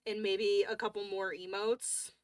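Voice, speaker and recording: A woman's voice: mid-range voice, flat delivery, measured pace, no room sound. A woman hosting a coloring livestream, chatting casually and rambling with lots of fillers and restarts.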